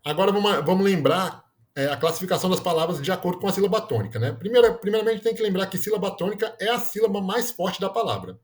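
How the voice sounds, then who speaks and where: A man's voice: sits high, lively intonation, quick pace, hardly any pauses. A man explaining grammar in a lesson, often checking in with "né?" and correcting himself mid-word. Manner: explanatory, frequent "né?" tags, self-corrections. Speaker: teacher.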